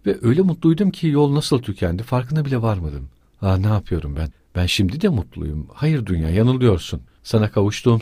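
A man voicing an anxious, talkative elderly mother who speaks in a hurried, fretful way. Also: lowish voice, warm tone, breathy edge, no room sound, clean studio sound.

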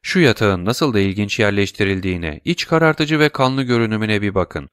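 A man voicing a calm, mysterious count with a measured, insinuating manner. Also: on the low side, clean tone, no echo, clean studio sound.

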